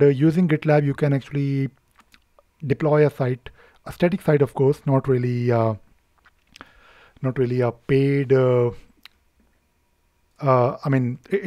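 A man talking through a screen-recording tutorial unscripted, hesitant, pausing often on filler sounds and restarting his sentences as he works. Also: mid-range voice, dark tone, dry recording, dull audio. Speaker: tutorial presenter.

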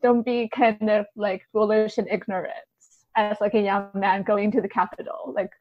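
As a podcast guest in a relaxed conversation about literature, a woman talks at normal speed in a medium-pitched voice with fairly even intonation. Her informal, hedging style is full of little filler phrases, especially "kind of" and "like." There's no room sound, though the audio is muffled.

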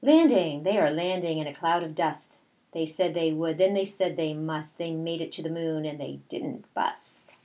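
A kindergarten teacher in middle age reads a picture book for story time in a small home bedroom, teacherly, deliberate and expressive, with asides aimed at the children. Her voice is low-pitched.

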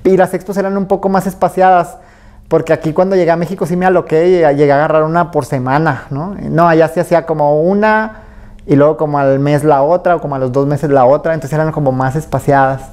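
A Mexican man talks through his story in a mellow, easygoing voice. He rambles casually and leans on fillers. Now and then he acts out what others said to him. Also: a little high, quick pace. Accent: Mexican Spanish. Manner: relaxed and rambling, with many fillers and acted-out quotes. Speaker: tattoo artist, interview guest.

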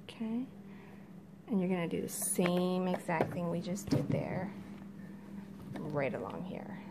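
A middle-aged woman giving relaxed, murmured step-by-step instructions in a hands-on craft tutorial at home. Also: fairly low pitch, unhurried, noisy background. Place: cluttered home craft room, indoors.

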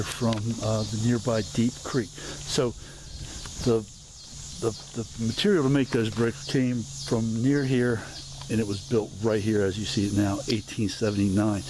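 A man narrating an unscripted walking tour of an old house outdoors, halting with fillers and self-corrections. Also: medium pitch, background noise. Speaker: video host touring a historic site. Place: outdoors at a historic house, open grounds.

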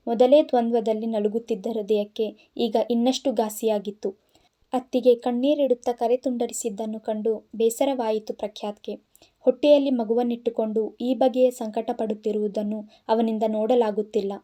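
Mellow-voiced woman narrating a story. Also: fairly high pitch, steady tone, normal speed. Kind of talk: scripted novel narration.

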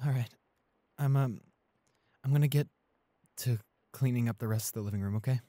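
In an intimate audio roleplay, a man plays a shy, clumsy young boyfriend who is anxious and devoted, hesitating and stammering as he talks. His natural voice is soft and mellow, medium in pitch and a little fast, with a calmer, hesitant mood. It's recorded close and dry on a studio condenser microphone, with no echo.

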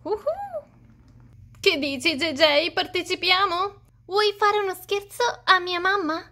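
A woman's voice: very high voice, steady tone, measured pace, pushed and bright, exaggerated voice. A woman voicing a playful, mischievous teenage girl doll in a cheerful doll-story role-play. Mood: eager.

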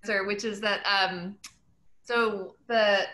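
Speaking slowly in a medium-pitched, fairly bright voice with fairly even intonation, a middle-aged American woman from New Mexico chats as a guest author at a book talk. She's on a video call from an indoor room, and her computer mic makes the room sound echoey.

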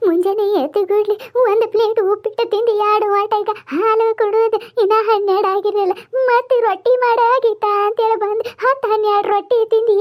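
Squeaky high wailing daughter-in-law from a cartoon, a woman doing her, north karnataka accent, muffled lo-fi sound. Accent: North Karnataka Kannada. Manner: sing-song wailing lament. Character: young daughter-in-law fake-wailing over her mother-in-law. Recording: muffled lo-fi audio.

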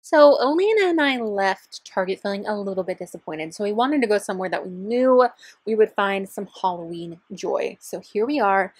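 A young woman vlogger with a bubbly, chatty delivery, gushing over cute little finds. Her voice sits at an ordinary middle pitch and comes across close and dry, with no room sound around it. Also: expressive, moderate pace, no room sound. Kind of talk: shopping vlog voiceover. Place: parked car.

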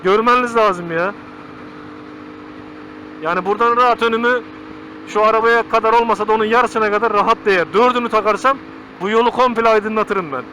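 A man's voice: sits high, brisk, pauses often, bright, forceful tone. A man from Turkey giving casual, slangy motovlog commentary from inside a helmet as he rides a motorcycle. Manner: colloquial, slangy, chatty. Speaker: motorcycle vlogger. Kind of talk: casual riding commentary to viewers. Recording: noisy helmet mic while riding outdoors.

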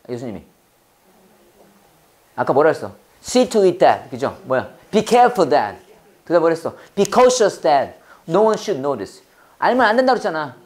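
An English teacher running a Bible-based lesson, quizzing the class and drilling phrases in call-and-response. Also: mid-range voice. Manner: quizzing, repeats phrases slowly for learners.

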